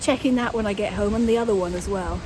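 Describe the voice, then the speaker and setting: A woman's voice: medium pitch, fast. A woman hosting a casual paranormal vlog, chatting and calling out to spirits outdoors in the wind. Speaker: host, paranormal investigator. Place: outdoors in a windy graveyard. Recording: very noisy windy outdoor recording.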